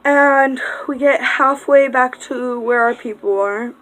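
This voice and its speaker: A woman's voice: high-pitched, slow, fairly bright tone, poor audio. Rambling young woman telling a storytime. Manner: rambling, swears, distracted asides. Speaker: vlogger. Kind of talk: casual storytime.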